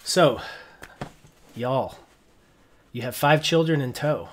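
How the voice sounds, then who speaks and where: Speaking slowly at a medium pitch, a man acts as game master for a tabletop roleplaying game. His narration is informal, and he pieces the descriptions together on the fly.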